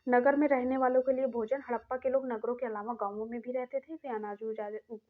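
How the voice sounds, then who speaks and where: A woman's voice: a little high, steady tone, fairly quick. A woman teaching an exam-prep lesson, reading out questions and explaining each answer step by step to her students. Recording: tinny phone-like sound.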